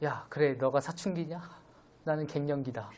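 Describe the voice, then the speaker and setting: A man putting on the voice of an exasperated older churchgoer scolding a young believer, needling and higher-pitched. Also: normal speed, a little mellow, close to an everyday voice.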